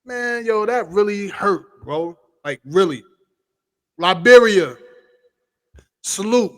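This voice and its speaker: A man hosting a casual vlog, giving exuberant, slangy shout-outs to his viewers. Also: high-pitched, lively intonation, takes it slowly. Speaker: vlog host.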